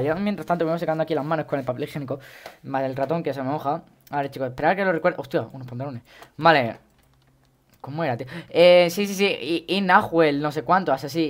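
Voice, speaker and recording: A teenage boy with a Spain Spanish accent, rambling chattily through gameplay commentary and breaking into sudden high yelps. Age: teens. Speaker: gaming YouTuber.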